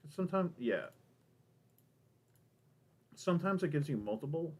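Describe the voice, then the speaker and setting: A man's voice: fairly high pitch, expressive, measured pace. A man records casual let's play commentary, rambling as he thinks aloud. His S sounds whistle and hiss with a minor lisp. There is some faint noise and clicking behind his voice.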